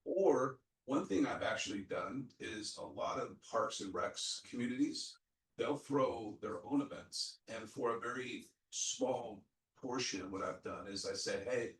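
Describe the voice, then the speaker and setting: Low-voiced man giving practical panel tips. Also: fairly bright tone. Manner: conversational, gives practical tips with quick asides. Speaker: real estate agent panelist. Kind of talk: panel discussion. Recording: echoey room, mic at a distance.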